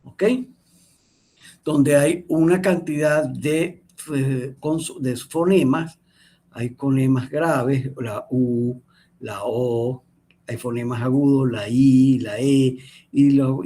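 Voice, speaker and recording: A man's voice: medium pitch, mellow. A man teaching an online class, explaining step by step, often checking in with the students, with frequent restarts and fillers. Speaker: instructor.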